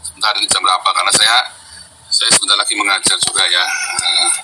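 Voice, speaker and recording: A man's voice: sits low, little pitch movement, fast talker. A man hosting a heated talk on scripture, boastful and scolding as he lectures his listeners. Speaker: apologetics host. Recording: loud background noise.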